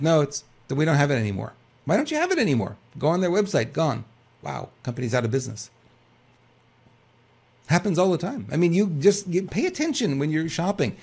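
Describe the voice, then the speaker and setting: Older male co-host, webcam news talk, slightly high voice, lively swooping delivery, rhetorical and casual. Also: husky. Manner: animated, rhetorical questions, many restarts. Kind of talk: casual commentary and reading news aloud.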